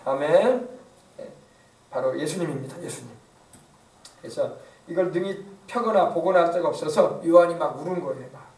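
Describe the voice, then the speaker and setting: A man's voice: a little high, normal speed, pauses often, a little mellow. A male pastor preaching a sermon, emphatic and often asking the congregation questions. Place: church. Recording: echoey church from far off.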